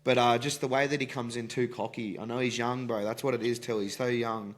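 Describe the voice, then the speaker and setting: A man's voice: mid-range voice, steady tone, brisk. Sweary young Australian man talking fights. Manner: blokey, slangy, sweary. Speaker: fight prediction podcast host. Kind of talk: casual sports chat.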